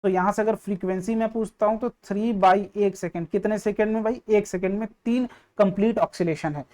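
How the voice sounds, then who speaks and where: A man teaching a physics lesson, patiently walking students through each point and often checking that they follow. His voice has a soft, mellow warmth. He mixes English terms into his explanations. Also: sits high, steady tone, brisk. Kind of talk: online exam-prep lesson.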